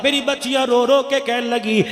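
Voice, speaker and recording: A man's voice: very high-pitched, steady tone, moderate pace, fairly bright tone. A man preaching a sermon, telling a story with an impassioned, chanting cadence. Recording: echoey hall with long reverb.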